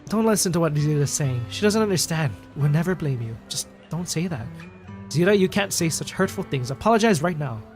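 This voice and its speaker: An actress voicing a composed war widow and mother in a video game, who speaks calmly and consolingly. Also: low-pitched, brisk, faint music behind. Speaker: game character.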